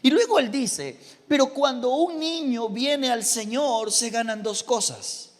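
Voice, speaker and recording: A pastor preaching a lively sermon, repeating phrases for emphasis and asking the congregation questions. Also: male voice, extremely high pitch, measured pace, long reverb tail. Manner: animated preaching with repetitions and rhetorical questions.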